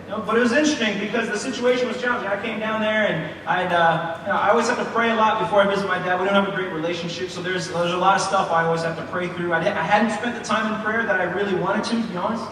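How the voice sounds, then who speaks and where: A man's voice: sits high, fairly even intonation, fast, hardly any pauses, fairly bright tone, slight background noise. A man in his thirties giving a sermon in a church, telling a personal story with lots of fillers and restarts. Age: 30s. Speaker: preacher. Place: large church hall. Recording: echoey hall from far off.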